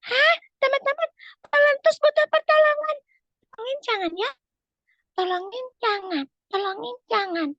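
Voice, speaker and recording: A woman voicing an earnest little schoolgirl in a storytelling session for children, in a squeaky childlike voice. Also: normal speed, fairly bright tone, no echo, muffled recording. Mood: worried. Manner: earnest, chatty, talks to the young audience.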